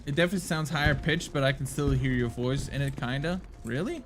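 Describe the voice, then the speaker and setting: A man's voice: medium pitch, quick pace, background noise. A man live-streaming a game, chatting casually with viewers in a rambling way, swearing and laughing offhand. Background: game music.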